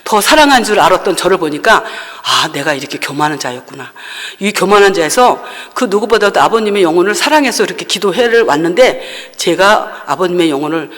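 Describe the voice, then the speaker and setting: A woman's voice: fairly low pitch, lively intonation, brisk, fairly bright tone. A woman pastor delivering a sermon testimony in a church, telling the story earnestly and repeating phrases for emphasis. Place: church sanctuary. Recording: long church-hall reverb.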